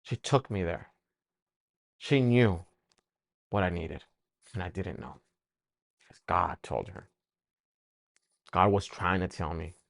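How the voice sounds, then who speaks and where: A man telling his personal faith testimony, emotional and halting, often repeating words as he speaks. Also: sits low, animated, vocal fry, fairly bright tone, no room sound.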